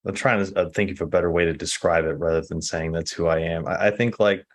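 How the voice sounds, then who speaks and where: A man from Texas, a podcast guest, speaking in a relaxed, reflective way and laughing easily. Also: deep voice, fast talker. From Texas, United States. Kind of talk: casual conversational interview.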